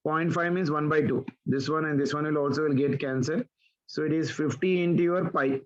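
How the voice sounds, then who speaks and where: In lo-fi audio from an online class call, a man teaches physics by working problems step by step and asking students for answers. He talks briskly, with a slightly high voice and a steady tone.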